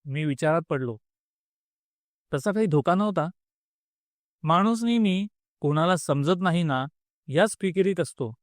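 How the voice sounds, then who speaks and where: Male narrator reading a story aloud, expressive, slightly high voice, dry close sound. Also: a little slow, pauses often, dry recording. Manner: expressive, acts out the dialogue.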